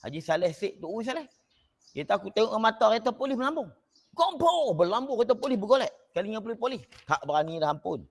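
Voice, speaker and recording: A man, a religious teacher telling an anecdote in an online class in an animated way, his voice jumping up when he gets excited. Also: high voice, rapid-fire.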